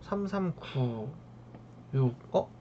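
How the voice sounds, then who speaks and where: Woman math teacher, low voice, keeps checking in with students, dull lo-fi recording with faint ambient noise. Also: expressive, very slow. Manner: keeps checking in with a tag question after each step; talks to the math terms as if addressing them. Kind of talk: lecture working through problems.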